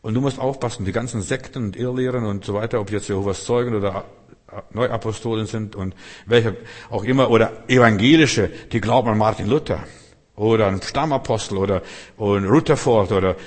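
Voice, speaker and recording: A male pastor, preaching a sermon and rising loud on key phrases. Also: lowish voice, fairly quick. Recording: long hall reverb.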